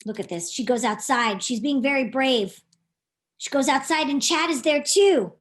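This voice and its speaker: Pitched high and paced moderately, a woman reads her own picture book to children with lively expression. As the author narrating storytime, she frequently poses questions to the young audience.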